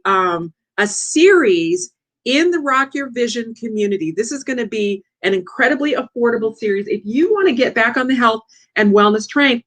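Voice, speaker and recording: A woman hosting a lively coaching livestream, chatty and excitable, talking straight to her audience. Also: fairly high pitch.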